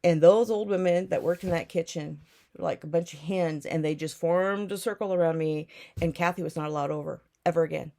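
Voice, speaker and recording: Woman, deep voice, casual personal storytelling, reflective, rambling. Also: a little fast, vocal fry, dark tone. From Newton, Iowa, USA. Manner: rambling, reflective, often drifting back with "anyway". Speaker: storyteller recounting her life.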